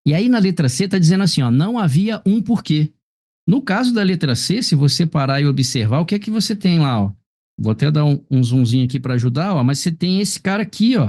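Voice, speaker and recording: A man with a slightly high, dark-toned voice and a Brazilian Portuguese accent teaches grammar in a live online class over video call, correcting a test. He explains patiently, repeatedly asking "tá vendo?" and often saying "ó."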